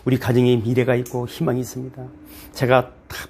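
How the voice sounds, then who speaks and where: A middle-aged man with a Gyeongsang Korean accent preaching a sermon as pastor, in a lively, folksy way with playful asides to the congregation. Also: mid-range voice, a little fast, creaky, a little hiss or hum. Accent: Gyeongsang Korean dialect.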